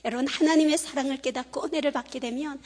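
High-voiced woman giving a church testimony. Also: fast talker. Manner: playful, animated, turning soft and hushed. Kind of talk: humorous then earnest testimony. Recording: long church-hall reverb.

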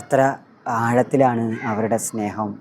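Male teacher with a Malayali accent, retelling a story for a class with feeling and fillers, mellow tone. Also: mid-range voice, steady tone, a little slow, slight background noise. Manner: emotive storytelling with many filler sounds.

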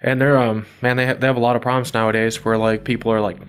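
A man's voice: medium pitch, flat delivery, fast, fairly bright tone, clean tone. A man hosting an interview, talking in an eager, reflective way with lots of fillers and restarts. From United States. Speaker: podcast host. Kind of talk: casual interview conversation.

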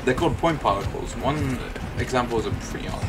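A man's voice: mid-range voice, expressive, moderate pace, loud music behind the voice. A young man chatting casually while playing a game with a friend, laughing a lot and yelping when chased. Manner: laughs a lot, yelps and shouts mock French when chased. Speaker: gamer. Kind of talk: casual gaming chat.

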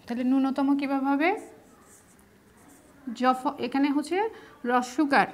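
A woman's voice: high-pitched, steady tone, unhurried. A woman teacher with a Bangladeshi Bengali accent, patiently explaining spelling step by step in an online class.

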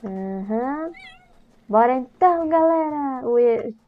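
A young Brazilian Portuguese-accented woman, a gaming YouTuber, gives relaxed, talkative let's-play commentary, jumping easily and speaking to the game. Her high voice is animated but slow. Game music plays behind a dull, lo-fi recording.

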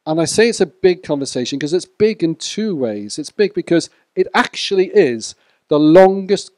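A man preaching a sermon to a church congregation in a measured way, sometimes speaking to people in the room. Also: a little high, darkish tone, dry recording. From Wales.

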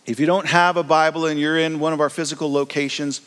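A man preaching a sermon as pastor, in a relaxed, storytelling way with frequent restarts. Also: a little high, quick pace, clear, resonant tone, big-room sound.

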